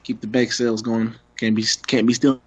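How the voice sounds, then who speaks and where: A man's voice: medium pitch, level tone, brisk, darkish tone, husky, no echo, muffled recording. A man joining a casual podcast chat, jokey and playful.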